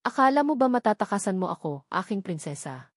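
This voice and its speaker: A woman narrator voicing a cold, scheming wealthy man who speaks quietly and with menace in a storybook reading. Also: mid-range voice, very animated, brisk, slightly rough, no room sound, clean studio sound. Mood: menacing.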